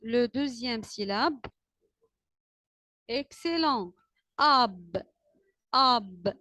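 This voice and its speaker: A woman teacher with an Arabic-speaking accent, leading a classroom alphabet lesson with slow, drawn-out repetition of letters and words and frequent praise. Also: on the high side, animated, bright, forceful tone, no room sound.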